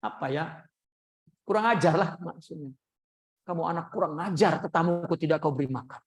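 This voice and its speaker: A man teaching a religious class, telling a story and acting out the voices of its people. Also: normal speed. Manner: lively storyteller acting out quoted voices with big pitch jumps. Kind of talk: sermon storytelling.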